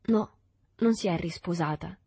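A woman's voice: fairly low pitch, unhurried, mellow, slightly rough, no room sound, exaggerated voice. A woman voicing a shy thirteen-year-old rich boy who grows boastful, in a storybook reading. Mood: earnest. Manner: shy, hesitant, then proudly boastful.

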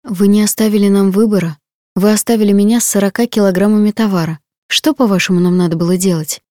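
A woman's voice: mid-range voice, fairly even intonation, fast, mellow, dry recording, lightly acted. A woman voicing a young female paramedic who speaks in a defiant, pleading way, close to tears.

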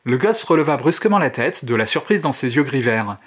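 A man and host narrating a horror short story in an expressive, theatrical way. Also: mid-range voice, a little fast. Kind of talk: dramatic reading of a horror story.

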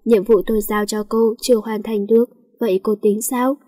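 A woman's voice: on the high side, little pitch movement, normal speed, warm tone, big-room sound, natural voice. A woman voicing a cold, bossy male student who gives stern commands in a storybook reading.

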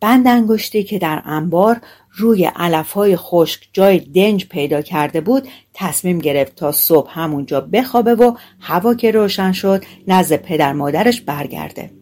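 Woman telling a fairy tale aloud. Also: on the low side. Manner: relaxed spoken-colloquial storytelling. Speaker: audiobook narrator. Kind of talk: storybook narration.

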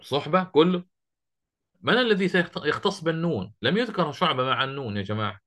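Bright-voiced man teaching a class. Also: fairly high pitch, expressive. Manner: questioning students, drawn-out quoting of verse. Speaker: Quran recitation teacher. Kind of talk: classroom lesson.

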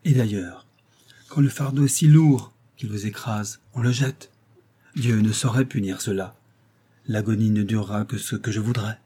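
A man's voice: fairly low pitch, moderate pace, dark tone, slightly rough. A man voicing a proud, dutiful young noblewoman in an audiobook, reading her lines in an earnest, declamatory way. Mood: resigned.

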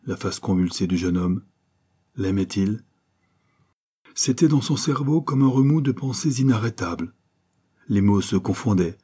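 A man narrates a nineteenth-century-style novel in a measured, dramatic reading. His voice sits low and husky, with a dark, mellow tone. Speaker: audiobook narrator.

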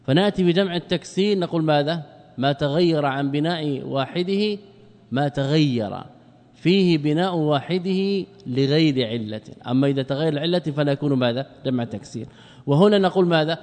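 A man teaching Arabic grammar in a classroom lecture, asking rhetorical questions, answering them himself, and slowing down to spell out word forms. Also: a little high, darkish tone, in a large hall.

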